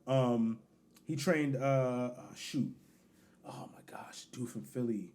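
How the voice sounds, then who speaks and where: A man's voice: medium pitch, slow. A man co-hosting a podcast, breaking down a boxing match in casual slang. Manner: animated fight breakdown, loose slang. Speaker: podcast co-host. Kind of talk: casual sports chat.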